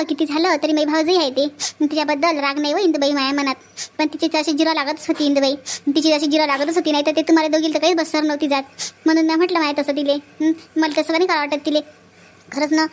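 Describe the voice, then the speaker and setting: A woman, hosting and acting in a casual comedy sketch in a chatty, pleading way. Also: high voice. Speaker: comedy video host.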